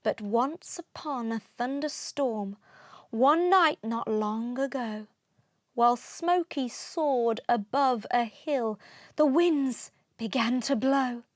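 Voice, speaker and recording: This is an expressive read-aloud for children: a high-voiced woman narrates a rhyming storybook at a slow, rhythmic pace. The sound is close and dry, with no room sound at all.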